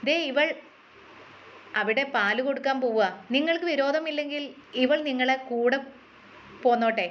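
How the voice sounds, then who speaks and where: A woman's voice: sits high, moderate pace, dull audio, lightly acted. A woman voicing a friendly middle-aged village tea-shop owner who talks in a cheerful, chatty way.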